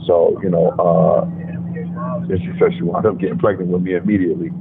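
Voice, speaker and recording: A very deep-voiced man speaks over the phone, his voice thin and tinny on the line. He talks laid-back and sure of himself, with lots of fillers. A faint hiss sits under the call. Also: little pitch movement, normal speed, creaky. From Brooklyn, New York. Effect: heard over the phone. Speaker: rapper, guest calling in. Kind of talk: casual radio interview over the phone.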